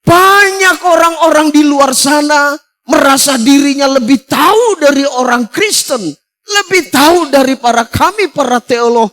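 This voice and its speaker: A man's voice: very high-pitched, a little slow, a bit bright. A man pastor preaching a sermon, emphatic and full of rhetorical questions.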